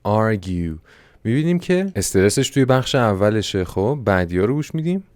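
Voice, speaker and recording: A Persian-speaking man teaching an online English lesson, explaining answers step by step and slowing down to pronounce English examples. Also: medium pitch, sing-song, darkish tone, no room sound.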